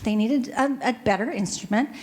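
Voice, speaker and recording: Chatty fast-talking woman on a panel. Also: on the high side, darkish tone. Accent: Pacific Northwest American. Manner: chatty and fast, joking with the audience. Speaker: panelist, music store owner. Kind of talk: panel talk to a live audience. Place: hotel ballroom. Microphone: handheld microphone.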